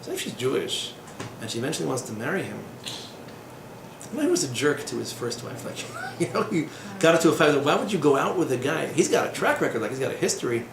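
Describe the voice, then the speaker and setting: A man in his thirties with a slightly high voice, big pitch swings and vocal fry talks fast as he teaches a class in a small room. His casual lecture wanders through asides, fillers and sardonic jokes, captured in an echoey recording with background noise.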